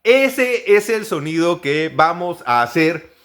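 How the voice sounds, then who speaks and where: A man's voice: on the high side, big pitch swings, fairly bright tone. A man from Mexico with a Mexican Spanish accent, giving a pronunciation lesson and repeating each practice word several times. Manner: slow, repeats words many times as drills. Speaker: English pronunciation teacher.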